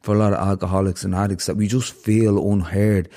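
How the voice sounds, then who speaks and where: Speaking a little fast with a fairly low, mellow voice and a flat delivery, this man hosts a podcast. He is earnest and heartfelt in his reflections and spins an extended parable for his guest.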